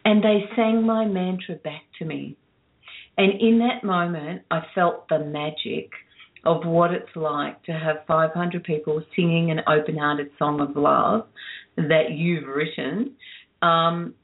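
A woman guest telling a heartfelt story in a soft-spoken, earnest way, dwelling on her words. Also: low voice, fairly even intonation, takes it slowly. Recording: tinny phone-line sound.

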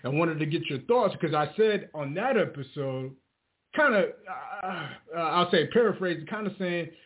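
A man co-hosting casual sports talk, loosely and haltingly working his way toward questions. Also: a little high, animated. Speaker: sports show co-host. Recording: tinny phone-like line.

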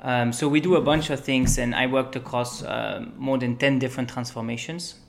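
A young man from Belgium speaks as an interview guest in an easy, conversational way. He pauses often with ums and uhs while he explains things in a relaxed, steady flow. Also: mid-range voice, vocal fry. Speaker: guest, management consultant. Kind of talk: casual interview talk.

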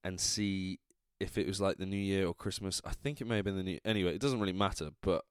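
Male podcaster, English accent, drunk and rambling, lowish smooth voice, casual solo chat. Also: steady tone, quick pace, no room sound, clean studio sound. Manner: rambling, trailing off, self-interrupting. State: drunk, tipsy. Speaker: podcast host.

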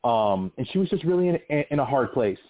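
Caller heard over a thin phone line: a man from California, mid-pitched, earnest and explanatory. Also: expressive, a little fast. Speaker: radio show caller. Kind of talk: call-in radio discussion.

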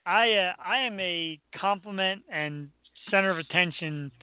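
An American man with a high voice hosts a casual talk show. He rambles along with playful bragging. The recording is dry and somewhat muffled. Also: unhurried, clear, resonant tone, no room sound. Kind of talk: casual chat.

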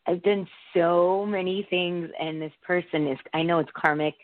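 A woman's voice: fairly low pitch, fairly even intonation, normal speed, no room sound. A woman calling in to a radio show over the phone, rambling through spiritual feelings with lots of "like.". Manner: rambling, spiritual self-talk with "like". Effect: phone line. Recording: tinny dry phone line.

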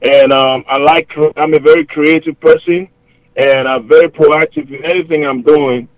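On a dry, poor-quality remote line, a man with a higher, steady voice and a Cameroonian accent talks as a guest on an interview show. The hip-hop artist keeps things casual and upbeat, rambling quickly and leaning on lots of fillers.

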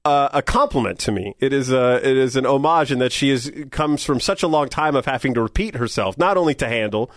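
Lively joking man podcast cohost. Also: medium pitch, fairly quick, few pauses, dry recording. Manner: playful, joking, animated storyteller. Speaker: radio podcast co-host. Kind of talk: casual podcast chat. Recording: dry studio sound with faint music.

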